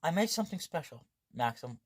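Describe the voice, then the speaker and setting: A man's voice: a little high, very animated, brisk, husky, dry recording, clean studio sound. A man voicing an eager, cheerful young woman who cooks, in a game read-aloud.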